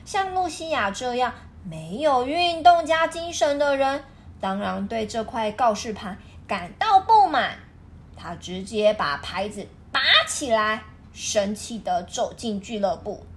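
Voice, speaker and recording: Animated high-voiced woman reading to a toddler. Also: unhurried. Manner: expressive, questioning, teacherly way of talking to a small child. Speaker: parent reading a picture book with a child. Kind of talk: reading aloud to a toddler, with simple explanations and questions.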